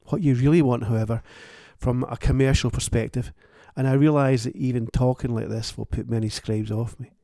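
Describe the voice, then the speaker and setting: Gravelly man, wry monologue. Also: mid-range voice, fairly even intonation, fairly quick, few pauses, mellow, no echo, clean studio sound. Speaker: author and podcast host. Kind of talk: reflective solo monologue.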